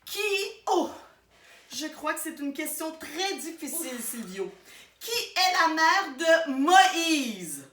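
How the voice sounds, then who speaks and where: A woman's voice: sits high, sing-song, slow, sharp tone, heavily acted. A woman playing a theatrical TV quiz hostess who draws out her exclamations. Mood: excited. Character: over-the-top female TV quiz host. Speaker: quiz show host. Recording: roomy sound, far from the mic.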